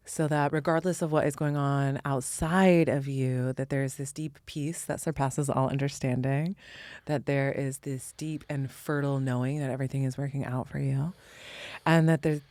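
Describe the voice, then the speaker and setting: A Midwestern American woman from Indiana, a spiritual teacher guesting on a podcast, speaks in a reflective, earnest way with a playful, casual side in a conversational interview. Her voice is low and a little mellow, with no echo.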